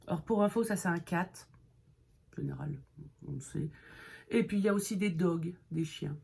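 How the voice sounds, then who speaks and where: A woman's voice: on the low side, moderate pace, vocal fry, dark tone, breathy edge. A woman giving a humorous beginner English lesson in French, playful and jokey, with whispered asides. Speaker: English teacher.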